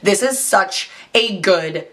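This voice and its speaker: A woman talking casually about her favorite beauty products, hoarse after losing her voice, chatty and full of "like", clearing her throat now and then. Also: medium pitch, lively intonation, slow, a bit bright. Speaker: beauty vlogger. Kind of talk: casual chat.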